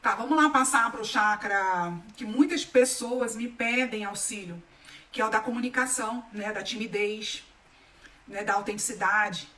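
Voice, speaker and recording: A woman's voice: on the high side, moderate pace, sharp tone, recorded from a distance, a little hiss or hum. A middle-aged Brazilian woman hosting a wellness channel, chatting casually and emphatically to her viewers. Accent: Brazilian Portuguese. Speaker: holistic wellness channel host. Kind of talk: casual spiritual talk to viewers.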